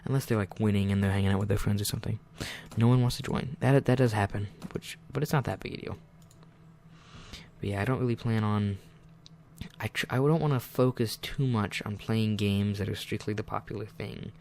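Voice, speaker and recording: Gravelly low-voiced man muttering game commentary. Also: steady tone, fairly quick, a little mellow, a little hiss or hum. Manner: rambling and self-deprecating, often muttering asides. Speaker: gaming channel host. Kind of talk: casual let's-play commentary.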